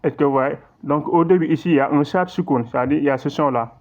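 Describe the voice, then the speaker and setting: A man with a slightly high voice teaches recitation rules online, explaining patiently and repetitively with frequent check-ins, and drawing out his example recitations slowly. The audio sounds tinny, like a phone.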